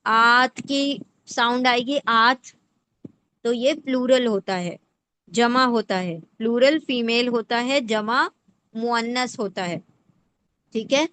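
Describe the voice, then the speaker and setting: Woman teaching Quran words, rather high. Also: a bit bright, a little hiss or hum. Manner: checks in often with rhetorical questions; breaks words into parts slowly. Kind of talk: explanatory lesson.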